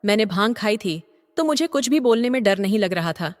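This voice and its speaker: An older man narrating a story in a steady, even reading voice. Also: high voice, a little fast. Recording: long reverb.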